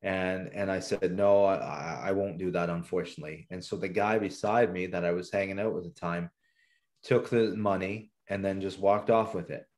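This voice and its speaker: A man with a low, deep voice, from southern Ontario in Canada, gives his personal testimony as a guest on a podcast. He tells his story in an earnest, reflective way. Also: fairly even intonation, normal speed, a little mellow.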